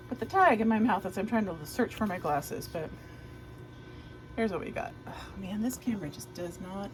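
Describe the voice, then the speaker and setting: Working outside in her garden, a woman vlogger rambles casually and uses plenty of filler words. She has a fairly low-pitched voice, and the recording quality is poor.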